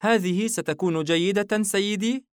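A man's voice: sits high, unhurried, clean tone, dry recording, clean studio sound, voice pushed up. A man voicing a small, shy and polite young woman who helps in a shop, timid and anxious.

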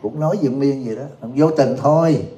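A Buddhist teacher gives a humorous Dharma talk to a live audience, joking, laughing often and repeatedly asking listeners questions. His medium-pitched voice is mellow and brisk, and the room is echoey.

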